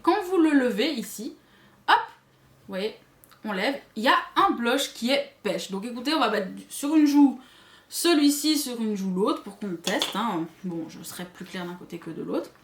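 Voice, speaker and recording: A woman's voice: fairly high pitch, expressive, unhurried, a little hiss or hum. A woman with a Belgian or Swiss French accent reviews makeup to camera in a chatty way, full of asides to her viewers. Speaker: beauty vlogger. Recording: echoey room.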